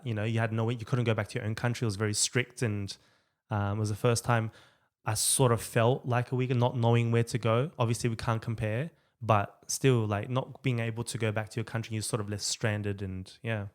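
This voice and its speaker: A man's voice: fairly low pitch, level tone, fairly quick. Man, Australian accent, thirties, casual interview guest, filler-heavy. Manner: loose, restarts often, many fillers. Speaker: guest, rights activist.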